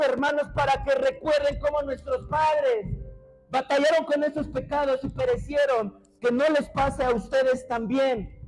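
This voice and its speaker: A man preaching a sermon as pastor in a church, impassioned and often shouting to the congregation. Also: very high voice, poor audio. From Mexico. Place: church sanctuary.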